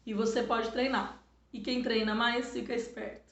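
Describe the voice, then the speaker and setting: A middle-aged woman teacher with a Brazilian Portuguese accent, patiently explaining a spelling lesson to children and sounding words out slowly. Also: a little high, flat delivery, gravelly, a bit bright. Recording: echoey room, dull lo-fi sound.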